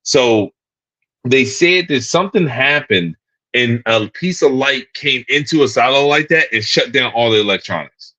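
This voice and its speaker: Guy on a podcast, sharp bright voice, rambles and repeats himself, swears, slangy. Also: medium pitch, expressive, rough recording. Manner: rambling, halting, repeats words; profane, slangy. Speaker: podcast co-host. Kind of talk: casual podcast chat.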